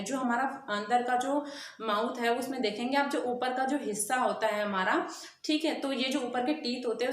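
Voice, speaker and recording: In an echoey room, a woman teacher with a voice on the high side gives an exam-prep grammar lesson. She asks questions and answers them herself, drawing vowel sounds out slowly.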